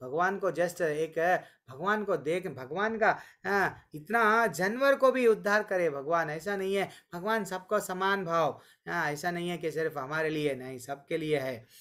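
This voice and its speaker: High-pitched man, bright voice, scripture teacher, storytelling, online class. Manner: storytelling, voices quotes of deities and sages; chants verses slowly. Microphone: online call.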